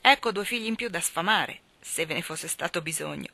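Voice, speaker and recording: A woman's voice: lowish voice, expressive, fairly quick, vocal fry, pushed and bright, no room sound, full character voice. A woman reading aloud, voicing a kindly, hardworking farmer father in a hearty, emphatic manner.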